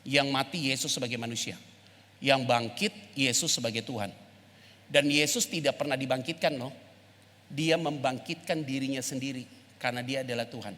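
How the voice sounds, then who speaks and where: A man preaching a casual, animated sermon as pastor, slipping into English phrases and acting out dialogue. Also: mid-range voice, moderate pace. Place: church sanctuary. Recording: long church hall reverb.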